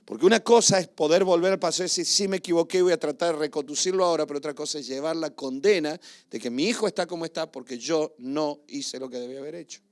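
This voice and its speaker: A middle-aged man preaches, his voice sitting somewhat high for a man. He tells personal stories with feeling, rising to loud appeals and dropping to hushed asides. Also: quick pace, hardly any pauses. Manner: emotional storytelling, swings between loud and hushed. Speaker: pastor. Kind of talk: sermon.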